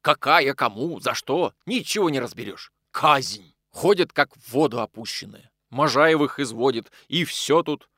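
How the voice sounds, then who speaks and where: A man reading an audiobook and voicing a boisterous, loud friend who exclaims and jokes. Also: mid-range voice, animated, no room sound, studio quality. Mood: gossipy. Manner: exclaiming, boisterous, fast-shifting.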